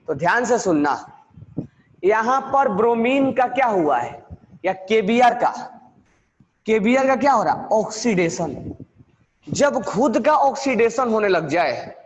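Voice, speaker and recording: A man teaching chemistry in a classroom lecture, with terms, repeating key words slowly and quizzing his students. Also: sits high, big-room sound, highs cut off, slight background noise.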